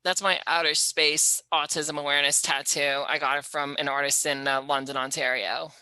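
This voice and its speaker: A man's voice: fairly high pitch, level tone, moderate pace, sharp tone, clear, resonant tone, no room sound, low-quality recording. A man from Canada chatting casually as an interview guest, answering briefly and matter-of-factly. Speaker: interview guest, reality show superfan. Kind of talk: casual chat.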